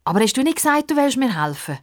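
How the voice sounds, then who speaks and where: A woman's voice: high-pitched, sing-song, fast talker, voice pushed up. Storybook girl, young, eager and impatient, read by a woman. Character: impatient young girl who loves football.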